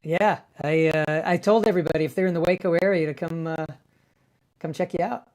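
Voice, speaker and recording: A man hosting a casual livestream, his voice pitched up and sped up by a sample rate mismatch on his mic rig, rambling and amused at himself. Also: fairly even intonation, a little fast, a little mellow. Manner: rambling, self-amused, thinking aloud. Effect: pitched-up chipmunk sound from a sample rate mismatch. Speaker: livestream host. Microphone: streaming mic rig.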